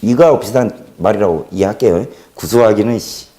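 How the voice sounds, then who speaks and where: A man hosting a casual livestream monologue, talking with a Jeolla accent in an animated, joking way and swinging between loud and quiet. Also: fairly low pitch, fairly quick. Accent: Jeolla Korean. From Jeolla region, South Korea. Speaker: livestream host.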